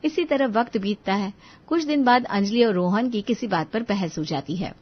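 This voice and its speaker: A woman giving scripted narration for a cartoon story, in an even storytelling manner. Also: medium pitch, normal speed, highs cut off.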